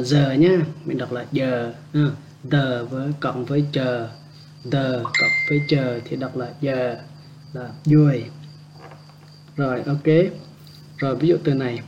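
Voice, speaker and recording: A man teaches a casual language lesson in a mid-pitched, gravelly voice. He says each example word slowly several times and adds light, joking asides. The recording is dull and lo-fi, with faint room noise behind him. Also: a little mellow.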